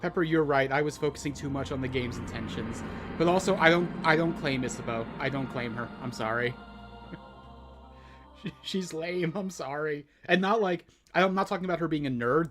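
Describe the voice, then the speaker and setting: A man's voice: on the high side, lively intonation, quick pace, a bit bright, soft background music. A man streaming a video game, commenting casually and sometimes reading game text aloud.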